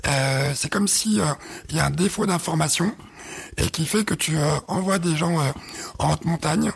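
A man's voice: on the high side, normal speed, gravelly, husky. A man co-hosting a podcast in casual chat, speaking hesitantly with many fillers and explaining through images. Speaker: podcast co-host.

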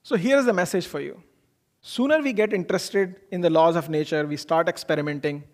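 A man speaks. He delivers an informal motivational talk in an earnest, explanatory way. He shares personal anecdotes and often asks a question before answering it himself. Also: on the high side. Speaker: speaker giving a self-improvement talk.

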